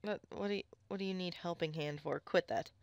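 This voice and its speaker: Excitable woman narrating her gameplay. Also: fairly low pitch, fairly quick, creaky, clean tone, no echo. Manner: chatty, excitable, squeals at finds. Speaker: let's play gamer. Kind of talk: casual gameplay commentary.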